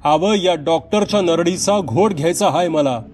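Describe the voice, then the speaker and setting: A man's voice: a little high, moderate pace, a little mellow, faint music behind, voice pushed up, close to an everyday voice. Man putting on a growling vengeful village ghost woman. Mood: menacing. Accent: rural Marathi. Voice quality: growling, harsh. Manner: menacing, taunting threats. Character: vengeful female ghost possessing a young village nurse.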